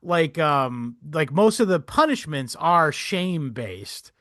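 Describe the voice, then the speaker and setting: A young adult man co-hosting a casual history podcast, rambling and animated, swearing and laughing often. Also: fairly high pitch, slow, no echo, clean studio sound. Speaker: podcast co-host.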